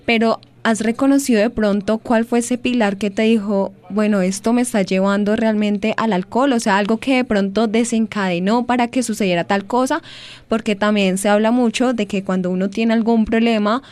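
Measured woman interviewer. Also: medium pitch, fairly even intonation, darkish tone. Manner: measured, long thoughtful questions. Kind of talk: interview questions.

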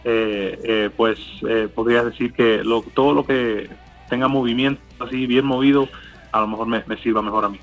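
In a muffled recording with soft background music, a man from Miami, USA answers interview questions hesitantly, with many fillers and restarts. He is a native English speaker whose accent is Cuban Spanish softened by Colombian. His voice is medium-pitched and steady at a normal speed.

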